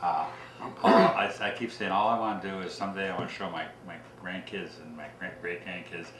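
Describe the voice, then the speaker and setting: A man in his seventies from Ohio, a township trustee talking plainly in a casual radio interview, with halting restarts. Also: low-pitched, fairly even intonation, far from the mic. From Ohio, USA. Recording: echoey room with background noise.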